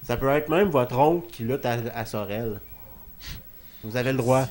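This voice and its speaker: A man's voice: medium pitch, moderate pace, a little mellow. A man with a Quebec French accent hosting a wrestling talk show in a casual, joking, chatty way. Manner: informal, joking. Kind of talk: casual studio chat.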